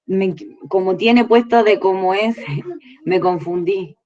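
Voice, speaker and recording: A woman's voice: medium pitch, takes it slowly, a little mellow, highs cut off. A woman student asking her teacher a question in an online class. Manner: asks questions.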